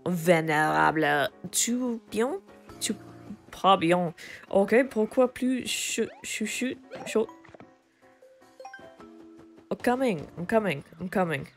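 Very slow, halting woman playing a game. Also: fairly low pitch. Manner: switches between English and learner French, with excited exclamations; reads dialogue slowly and haltingly, with stumbles. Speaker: gamer playing through a video game. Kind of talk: casual let's-play commentary, reading game text aloud in French. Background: faint video game music.

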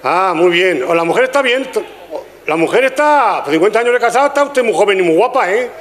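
A man's voice: high voice, expressive, fairly quick, fairly bright tone, a little hiss or hum. An older man from Spain with a Spanish accent, doing a chatty stand-up comedy routine at a gala and teasing the audience. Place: live stage with audience.

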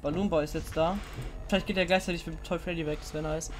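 A young woman streaming a horror game live, chatting with viewers, giggly and excitable, often laughing and shrieking. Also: deep voice, quick pace, soft background music. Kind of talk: live-stream gameplay commentary.

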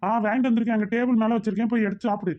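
A woman voicing an easygoing, doting father, calm and soothing. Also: on the high side, very fast, highs cut off, natural voice.

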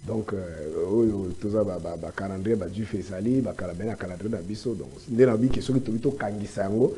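A man with a Congolese accent giving preachy commentary on church life in a studio discussion. He quotes scripture and lectures at length, with halting restarts. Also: on the low side, dark tone, slight background noise. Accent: Congolese French.

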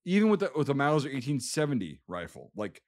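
A man's voice: mid-range voice, very animated, fast. A man with a Wisconsin accent explaining things emphatically and with frequent swearing, in a casual podcast discussion. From Wisconsin, USA. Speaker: podcast co-host. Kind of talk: casual war history discussion.

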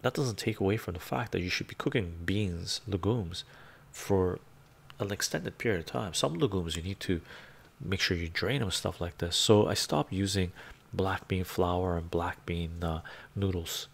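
A middle-aged man, Romanian as his first language, chats and reads comments on a live stream from a home room filled with bookshelves, speaking into a lapel mic. His voice sits low, creaky and slightly rough, at normal speed. The talk wanders, punctuated by frequent "right?" asides.

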